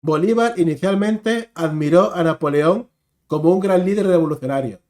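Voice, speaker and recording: Un hombre con acento de España que comenta y reflexiona con calma sobre un video de historia. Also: male voice, high voice, moderate pace. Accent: Spanish from Spain. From Spain. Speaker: reaction video host. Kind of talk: casual commentary.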